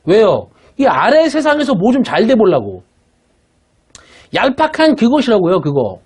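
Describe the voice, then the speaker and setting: A man's voice: high-pitched, wildly swooping pitch, normal speed, darkish tone, breathy edge. A man preaching a sermon as pastor, emphatic and blunt, often asking the congregation "예?" to check they follow. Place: church worship room.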